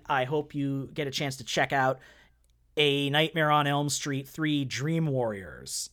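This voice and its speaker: A man's voice: medium pitch, fairly bright tone. A man co-hosting a podcast in casual chat, rambling and correcting himself as he talks, often laughing. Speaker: podcast co-host.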